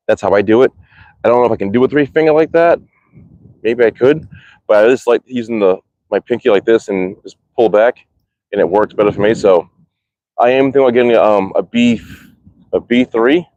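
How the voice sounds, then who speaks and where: A man's voice: fairly low pitch, darkish tone, no room sound, highs cut off. A man live-streaming from his backyard archery range, chatting casually, answering viewer comments aloud and muttering curses after bad shots. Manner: rambling, restarts often, answers chat comments aloud. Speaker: archery livestreamer. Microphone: phone live-stream.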